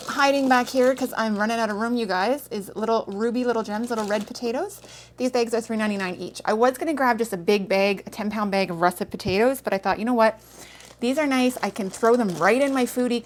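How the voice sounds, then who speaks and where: A woman's voice: a little high, slight background noise. Chatty woman vlogger. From Canada. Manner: chatty, rambling, with self-aware asides. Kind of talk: casual grocery haul vlog.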